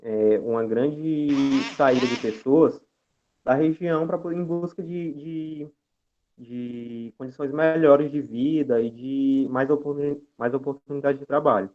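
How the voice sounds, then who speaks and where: A young man with a Brazilian accent lectures over a video call at an ordinary pitch, stopping often on filler sounds and restarting his phrases. His voice comes through thin and tinny, like a phone line. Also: a little slow. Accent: Brazilian Portuguese. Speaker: guest speaker. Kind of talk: online lecture presentation.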